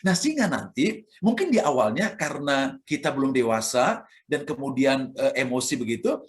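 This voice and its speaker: A man's voice: medium pitch, big pitch swings, normal speed. A man with an Indonesian accent, a church elder preaching a sermon who acts out sounds and examples as he speaks.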